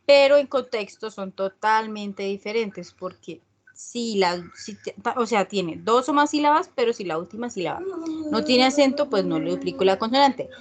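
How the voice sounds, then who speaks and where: A woman's voice: a little high, animated, slight background noise. A woman teaching an English class, explaining spelling rules step by step and checking often that students follow. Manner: slow and patient, often checking with a questioning "¿sí?"; reads English examples slowly and deliberately.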